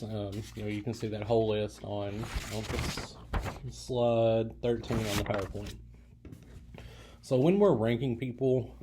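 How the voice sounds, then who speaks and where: This man's voice is on the low side and warm. He's a college lecturer in a recorded lecture, speaking casually with lots of fillers and restarts and occasionally stifling a yawn.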